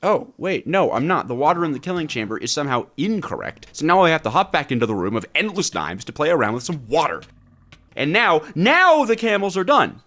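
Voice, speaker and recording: This player voices scripted narration of his own gameplay with dramatized reactions, sounding theatrical and dryly fed up. He speaks fairly high, very animated and fairly quick, with a slightly bright tone, and music plays behind him.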